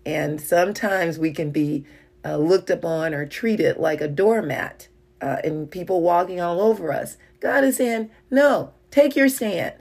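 A woman's voice: lowish voice, a little slow, creaky, a little mellow. A middle-aged woman giving an informal devotional talk, conversational and full of fillers as she tells personal stories.

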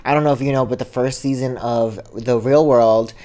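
A young podcast co-host chats loosely into a studio mic, talking in run-on sentences heavy with "like" and "um." The voice is medium-pitched and mellow, with a steady tone at normal speed.

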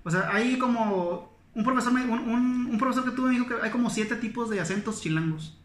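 A man's voice: very high voice, brisk. A man from Coahuila with a Coahuila accent, telling anecdotes in casual chat and acting out what people said. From Coahuila, Mexico. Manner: animated storytelling, acts out quotes. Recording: echoey room.

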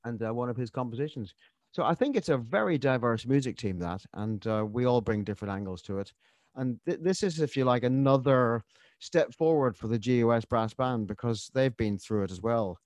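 A man's voice: mid-range voice, a little fast, darkish tone, dry recording. A man from Ireland, a choir's musical director, chatting as a guest on a radio interview with many restarts.

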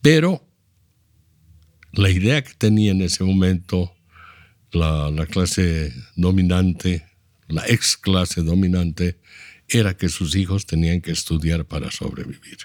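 Deep-voiced older Bolivian man explaining history. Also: darkish tone, dry recording, clean studio sound. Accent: Bolivian Spanish. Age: 70s. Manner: measured, explanatory, lecturing tone. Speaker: interview guest, architect. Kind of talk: reflective storytelling.

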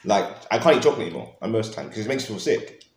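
Fast-talking London man, echoey room. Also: on the low side, sing-song. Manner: slangy, informal. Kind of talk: casual chat. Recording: roomy, echoey sound.

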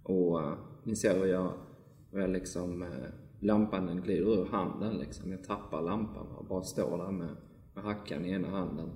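A man's voice: deep voice, steady tone, darkish tone. A man playing a tabletop game, describing his character's actions dramatically. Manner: dramatic, frequent tag questions. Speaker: player. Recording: echoey room with long reverb.

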